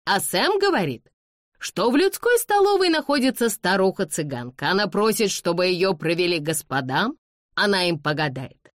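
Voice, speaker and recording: An eager middle-aged colonel talks the company round with a lively, bouncing voice, as a woman reader puts him on. He is persuasive and keen. The audiobook sound is dry and close. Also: low-pitched, unhurried, dry recording. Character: insistent middle-aged male colonel, cheerful.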